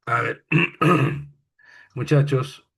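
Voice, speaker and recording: Husky Peruvian man teaching literature. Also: mid-range voice, fairly bright tone. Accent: Peruvian Spanish. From Peru. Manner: playful, joking with students, recites poems slowly. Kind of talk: online class lecture.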